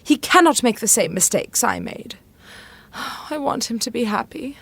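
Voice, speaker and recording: A middle-aged queen with a fairly high voice that moves expressively up and down. She speaks with refined, earnest feeling, devoted yet quietly scheming, in a dry, close audio drama sound. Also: expressive, a little slow, creaky, husky, no room sound, full character voice. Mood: anxious, regretful.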